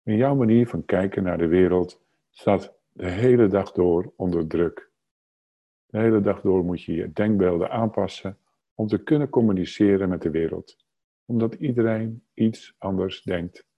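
A man leading a guided meditation, speaking calmly and unhurriedly in short phrases with long pauses and a husky, soft-edged voice. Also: deep voice, lo-fi sound. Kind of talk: slow guided meditation narration.

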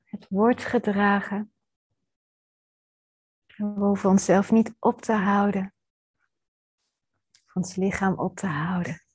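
Breathy woman doing a guided meditation, really unhurried, gentle and soothing, lots of pauses. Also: medium pitch, steady tone. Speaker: meditation teacher. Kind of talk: guided body-scan meditation.

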